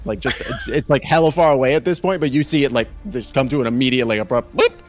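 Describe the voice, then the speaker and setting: A man's voice: mid-range voice, quick pace. A man running a tabletop role-playing game as game master, talking enthusiastically with lots of fillers, with faint music behind. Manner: enthusiastic, rambling with many fillers.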